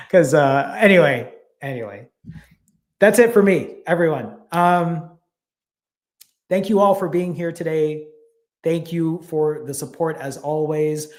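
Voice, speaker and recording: A man's voice: fairly high pitch, slow pace, long pauses. A man, casually hosting a live stream, reading viewer comments and thanking people by name, a little out of breath. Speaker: fasting channel host.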